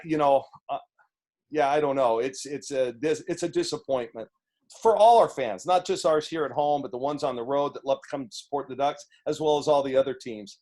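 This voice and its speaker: Speaking as a head coach at a press session held by video call, this man has a booming voice with a touch of mellowness. He is earnest and stumbles, often starting his sentences over.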